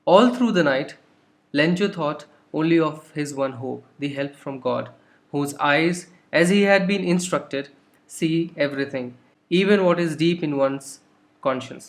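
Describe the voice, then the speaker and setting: A young man with an Indian accent, teaching English from a textbook. He explains patiently, line by line, and mixes English into his talk. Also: fairly high pitch.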